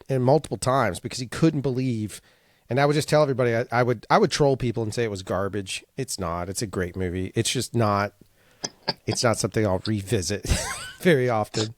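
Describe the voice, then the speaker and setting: A man co-hosting a podcast in casual chat, halting and self-deprecating, often laughing. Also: mid-range voice, no echo, studio quality. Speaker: podcast co-host.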